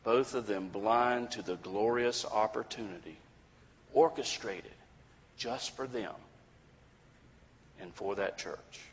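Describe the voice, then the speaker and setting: Low-voiced preacher telling a story in a reverberant hall. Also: male voice, a little hiss or hum. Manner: measured storytelling with dramatic pauses. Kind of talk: sermon storytelling. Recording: dull lo-fi recording with long hall reverb.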